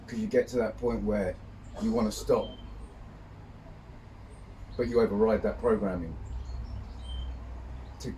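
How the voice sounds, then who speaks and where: A man speaking reflectively to camera while sitting in ice cold water outdoors, in a measured way with pauses. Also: fairly low pitch, steady tone, dark tone. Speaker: vlogger. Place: outdoors, birdsong behind. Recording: distant mic, faint outdoor noise.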